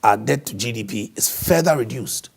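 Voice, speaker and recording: Hoarse, gravelly man explaining emphatically. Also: mid-range voice, animated, moderate pace. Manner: emphatic, explanatory, uses rhetorical questions. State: hoarse, voice partly lost. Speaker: diplomat being interviewed. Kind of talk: interview answers.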